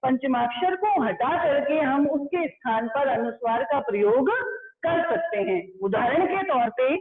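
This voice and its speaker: A school teacher gives an online grammar lesson from a blackboard class, her high-pitched voice expressive as she explains slowly, repeats key points, and calls her students "beta." The recording sounds tinny and phone-like, with crowd noise.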